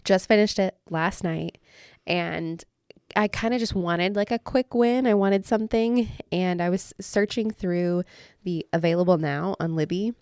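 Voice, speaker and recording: A woman from Oklahoma co-hosting a casual book podcast, chatty and quick to laugh, reading blurbs aloud. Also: fairly low pitch, a little mellow, clean tone, no room sound, studio quality. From Oklahoma, USA. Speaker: podcast co-host.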